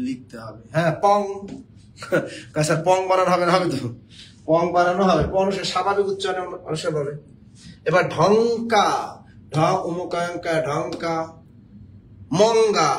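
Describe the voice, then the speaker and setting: A man's voice: sits high, a little hiss or hum. A man teaching an online spelling class, drilling students by repeating rules and answering his own questions. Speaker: Bangla teacher. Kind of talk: online exam-prep class.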